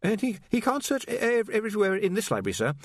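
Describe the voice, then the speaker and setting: Jittery young wizard, high-pitched stammerer, dry close sound, done by a male narrator. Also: sing-song, quick pace, breathy edge, no room sound, full character voice. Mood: flustered. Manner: stammering, hesitant, full of "uh"s. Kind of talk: audiobook character voice.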